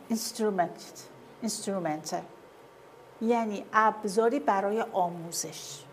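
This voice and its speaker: A woman's voice: on the high side, slight background noise. A woman giving a classroom lecture with slides, often asking her listeners whether they see and follow.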